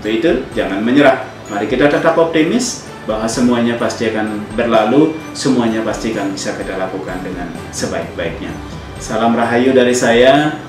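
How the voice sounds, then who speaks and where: A man's voice: mid-range voice, moderate pace. A man gives an earnest, motivational instructional talk to students, exhorting them with repetitive phrasing. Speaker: tourism speaker addressing hospitality students. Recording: very echoey, distant mic, music behind. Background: background music.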